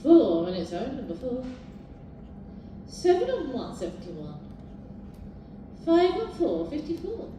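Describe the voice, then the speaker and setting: A British woman working as a bingo caller, announcing numbers live in a sing-song, formulaic way with measured repetition. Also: high voice, huge pitch swings, mellow. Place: large echoing indoor bingo hall. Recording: very echoey hall, distant, noisy.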